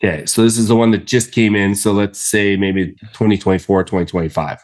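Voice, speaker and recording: A man's voice: fairly low pitch, fairly even intonation, a little fast, darkish tone. A man co-hosting a casual podcast, talking in an enthusiastic, rambling way with many fillers and restarts. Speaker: podcast co-host. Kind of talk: casual chat.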